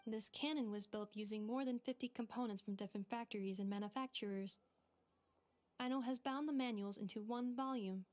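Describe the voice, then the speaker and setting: An actress voicing a precise, literal female assistant robot in a game, speaking in flat, formal, clinical phrasing. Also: fairly high pitch, brisk, natural voice. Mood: matter-of-fact. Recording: game audio with music behind.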